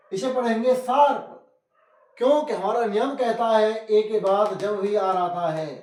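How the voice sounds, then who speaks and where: A man's voice: high voice, a little mellow. A man teaching phonics, spelling out letters one by one and calling his viewers friends. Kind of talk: phonics lesson. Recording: echoey room, voice from a distance.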